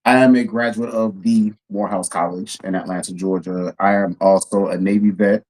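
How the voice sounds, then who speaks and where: A man's voice: low voice, steady tone, moderate pace, darkish tone, low-quality recording. A man from Houston, a policy consultant introducing himself earnestly as a podcast guest. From Houston, Texas. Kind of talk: casual podcast conversation.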